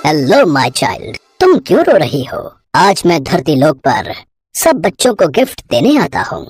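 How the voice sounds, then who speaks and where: Woman putting on a deep slow old Santa. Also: wildly swooping pitch, music in the background, heavily acted. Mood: kind. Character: kind old male Santa Claus, gentle and grandfatherly.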